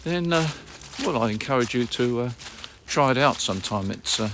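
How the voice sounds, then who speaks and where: A British man working as an amateur radio operator and vlogger, talking casually and repeating key details in an unhurried way. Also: medium pitch, expressive, noisy background. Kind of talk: casual radio contacts and commentary to viewers.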